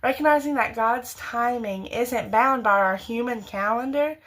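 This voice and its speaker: Speaking a little slowly in a high, slightly bright voice, a young adult woman around twenty shares sincere but meandering faith advice with her viewers. It's a casual to-camera talk full of restarts and self-corrections.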